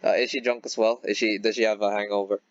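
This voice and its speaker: A man's voice: lowish voice, flat delivery, quick pace, no room sound, lo-fi sound. A man playing in a tabletop game, talking hesitantly with many fillers and restarts. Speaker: player. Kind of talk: casual tabletop role-play chat.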